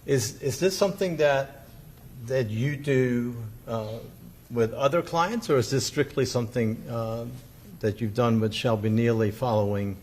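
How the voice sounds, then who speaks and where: Man, rough husky voice, courtroom attorney, halting deliberate questioning. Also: mid-range voice, darkish tone. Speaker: defense attorney questioning a witness. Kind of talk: courtroom examination.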